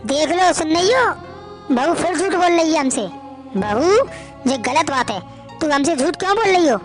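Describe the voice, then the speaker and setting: A woman's voice: high-pitched, animated, moderate pace, soft background music. A woman voicing a stern, reproachful older mother-in-law who keeps prying.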